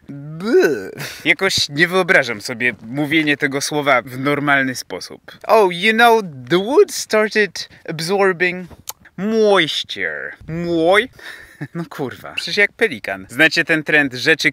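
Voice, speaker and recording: A man's voice: medium pitch, sharp tone. A young man who teaches English, ranting in a sarcastic, mock-outraged way, recorded outdoors in an empty spot. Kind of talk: comic rant to camera.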